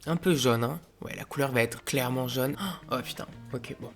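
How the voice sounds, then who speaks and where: A young man doing a makeup review vlog, with loud, dramatic exclamations between his comments. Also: medium pitch, moderate pace, gravelly, soft background music. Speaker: beauty vlogger.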